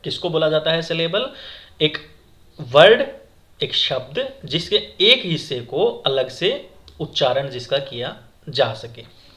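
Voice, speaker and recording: Very animated yet slow-paced, this exam-prep English teacher has a slightly high, sharp voice. In a classroom lesson on exam vocabulary, he asks questions, repeats the answers, and speaks to his viewers as friends.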